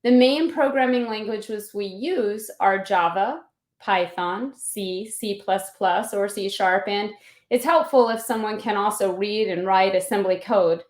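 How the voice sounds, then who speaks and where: A woman working as a recruiter reads a scripted, salesy hiring pitch in a polished way. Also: unhurried. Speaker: company recruiter giving a pitch. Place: indoor room on an online video call. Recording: roomy echo on the voice.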